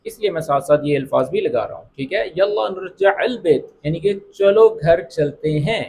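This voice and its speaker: A man with a slightly higher voice is teaching phrases, saying each one slowly several times before he explains it. He speaks in a patient lesson style. Faint background noise sits under his voice. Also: lively intonation, darkish tone. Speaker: Arabic teacher. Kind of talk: language lesson.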